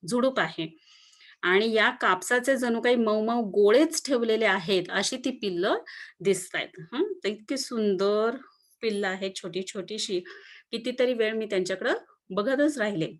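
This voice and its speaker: A woman's voice: medium pitch, unhurried. A woman teacher reading a textbook lesson aloud to children, explaining each word with synonyms and checking in with them often. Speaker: school teacher.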